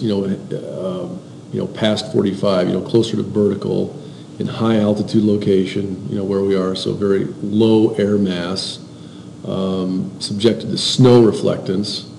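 A man's voice: on the low side, level tone, a little slow, gravelly, mellow. A male instructor giving a classroom lecture, explaining slides and often repeating words as he goes. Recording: roomy classroom with faint hiss.

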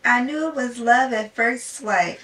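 Excited young woman, high and distant. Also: measured pace. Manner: excited, gushing, reading notes aloud. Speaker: girlfriend receiving a promise ring. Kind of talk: casual vlog chat. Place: small wooden cabin room, indoors. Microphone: camera mic from across the room. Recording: distant, noisy cabin recording.

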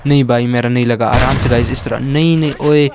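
Gaming host, male, keeps his voice low at night, steady mid pitch, gunfire from the game clearly audible. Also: noisy background. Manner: speaks softly and slowly so as not to wake others. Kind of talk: hushed game commentary. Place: storeroom at night, sitting on junk. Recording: game gunfire and clicks underneath.

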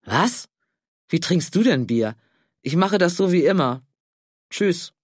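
A man voicing a curt, gruff farmer who talks slowly and brushes people off. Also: high voice, lively intonation, no echo, studio quality, exaggerated voice. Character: gruff, boozy rural male farmer.

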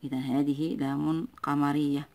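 A man teaching a spelling lesson in a formal, patient classroom manner. His voice stays level and flat in pitch. He drills each word slowly and repeats single sounds over and over so that learners can follow.

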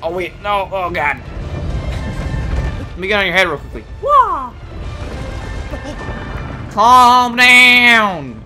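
A young man casually commenting on his gameplay, excitable, swearing and joking and talking to his horse in the game. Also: sits high, normal speed, pauses often. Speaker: gameplay streamer. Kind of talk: casual let's play commentary. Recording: game music loud behind the voice. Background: video game music and sounds.

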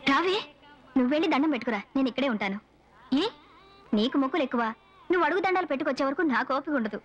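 A woman's voice: sits high, lively intonation, very fast, dull audio. An actress playing an outspoken young woman who talks frankly, with a light mocking tone. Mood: wry. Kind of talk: dubbed film dialogue. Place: temple.

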